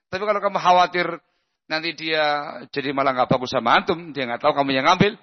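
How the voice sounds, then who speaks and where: A man's voice: a little high, fast talker. A man preaching an Islamic lesson in a conversational way, often checking that listeners understand. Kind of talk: religious lesson with Q&A. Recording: muffled lo-fi lecture recording.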